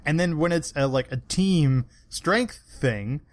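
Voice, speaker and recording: A man's voice: fairly high pitch, lively intonation, slow. A man co-hosting a podcast in casual chat, breaking things down in a chatty way and laughing along. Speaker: podcast co-host.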